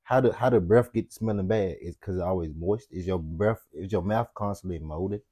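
A man hosting a casual podcast, tossing out silly questions in a loose, profane, slangy way. His voice sits low. The recording is dry and close. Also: normal speed, mellow, dry recording. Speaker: podcast host. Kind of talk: casual chat.

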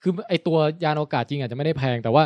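Male podcast host, quick and eager science explainer; dry, close sound. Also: fairly high pitch, darkish tone, no room sound. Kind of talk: casual science chat.

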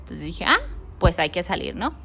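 A woman's voice: on the low side, sing-song, moderate pace, creaky, pushed and bright, breathy edge. Mexican woman telling a personal story. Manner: acts out the quoted dialogue in her story.

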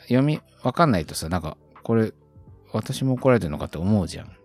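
A man's voice: lowish voice, big pitch swings, fast talker, a little mellow, breathy edge, soft background music. A man co-hosting a podcast, chatting casually and thinking aloud with lots of fillers. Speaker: podcast co-host. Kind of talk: casual chat.

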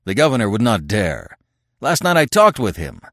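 A man's voice: fairly low pitch, huge pitch swings, normal speed, a bit bright, no room sound, clean studio sound, exaggerated voice. A man voicing a bold, blunt barbarian leader in an adventure storybook, bellowing with exasperation. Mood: defiant. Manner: roaring, bellowing, commanding.

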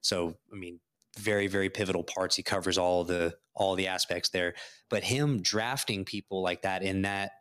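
Casual male podcast guest from Texas, low-pitched, rambles through fillers and restarts about hockey. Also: steady tone, normal speed, fairly bright tone. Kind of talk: casual sports chat.

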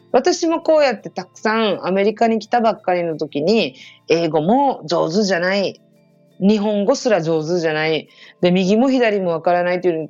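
A woman from Okinawa, hosting a podcast and telling a story in a chatty, casual way that turns animated when she quotes others. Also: on the low side, no room sound. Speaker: podcast host. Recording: slightly dull podcast audio with faint music.

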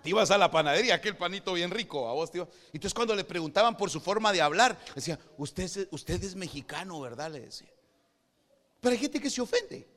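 A Guatemalan preacher with a high, ringing, bright voice delivers a sermon in Spanish. He drops to quiet, confiding asides and then rises to shouted exhortation. The sound carries a long reverberant hall tail. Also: lively intonation, fast talker.

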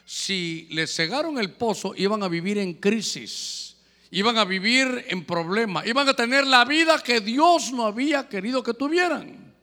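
High, bright-voiced preaching man. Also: a little slow, big-room sound. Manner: animated preaching, questions to the congregation. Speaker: pastor. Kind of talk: sermon.

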